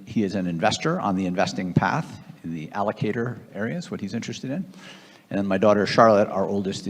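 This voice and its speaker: This investor, a man in his fifties from the Boston area with an American accent, tells his own story as an interview guest on stage in a large event room at a gathering. His low, gravelly voice is measured and reflective, and the conversational storytelling echoes through a hall with long reverb.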